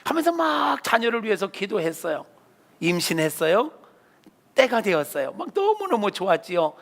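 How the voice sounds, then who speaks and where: A male senior pastor preaching a sermon, telling a story with animated delivery. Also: high-pitched, normal speed, vocal fry. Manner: animated storyteller, acts out voices.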